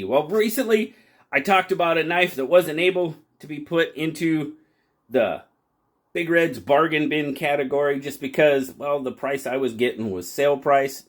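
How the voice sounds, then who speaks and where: A channel host gives an easygoing, folksy review of a pocket knife, rambling and repeatedly restarting his sentences as he corrects himself. He sounds animated, with a mid-range voice at a normal pace.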